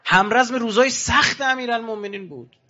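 The high end is missing from this recording of a man whose tone is bright and forceful. Speaking to pilgrims, he delivers an ardent sermon full of rhetorical questions, his pitch rising and falling abruptly.

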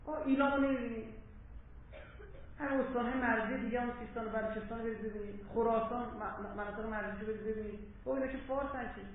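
Impassioned man lecturing in an echoey hall. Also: fairly even intonation. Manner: impassioned, swings between loud urging and low asides. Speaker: religious lecturer. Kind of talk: public lecture. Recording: very echoey hall, tinny phone-like sound, faint hiss.

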